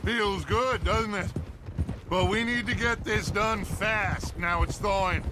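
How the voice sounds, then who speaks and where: An actor playing a middle-aged outlaw gang leader who speaks in a persuasive, theatrical, deliberate way. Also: male voice, sits high. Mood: rousing. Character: smooth commanding male outlaw gang leader. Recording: game cutscene with loud wind and hooves.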